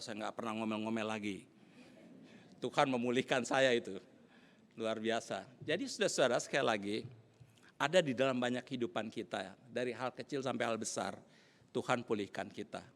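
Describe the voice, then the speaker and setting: Middle-aged pastor guy preaching, bright gravelly voice, echoey church hall. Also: fairly low pitch. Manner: animated storytelling, acting out angry shouts. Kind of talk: sermon.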